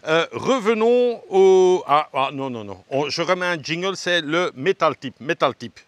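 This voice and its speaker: Chatty vlogger, hot and winded. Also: male voice, fairly high pitch, moderate pace, pushed and bright, a little hiss or hum. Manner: chatty, jokey, addresses viewers directly. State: hot and out of breath from walking. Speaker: travel vlogger. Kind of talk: casual vlog narration while walking. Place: outdoor ridge path.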